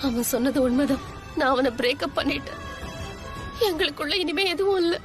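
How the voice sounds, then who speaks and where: Picture a woman voicing a young woman who sounds cold and cutting while she is heartbroken inside, her voice raised high. Music plays under her lines in the dubbed serial. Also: a little fast, close to an everyday voice. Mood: tearful. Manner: cold and cutting, then tearful. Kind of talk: TV serial dubbing. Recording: with music behind.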